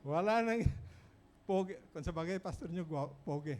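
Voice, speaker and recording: A man with a Filipino accent preaching a sermon in church, moving between English and Tagalog with dramatic pauses. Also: high-pitched, lively intonation, darkish tone, a little hiss or hum. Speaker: pastor.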